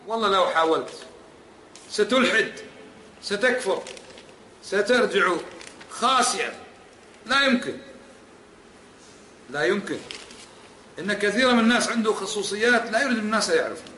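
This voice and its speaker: A man's voice: high voice, expressive, fairly quick, long pauses, sharp tone, a little hiss or hum. A man teaching as an Islamic scholar in a religious lecture, emphatic and repeating points, pressing the audience with rhetorical questions. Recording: echoey hall with faint ambience.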